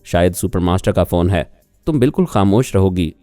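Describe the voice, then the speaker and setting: A man's voice: low voice, lively intonation, dark tone, no echo, faint music behind. A man voicing a hot-tempered male agent who answers curtly and irritably, in an audiobook reading. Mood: impatient. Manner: curt, irritable.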